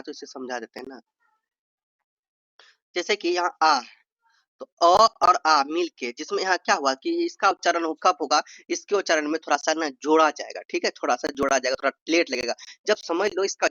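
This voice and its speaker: A man's voice: on the high side, bright, forceful tone, dry recording, highs cut off. A man from Bihar with a Bihari accent, teaching an informal revision lesson as an exam tutor, playfully stretching out vowels to demonstrate them and calling his viewers brother. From Bihar, India.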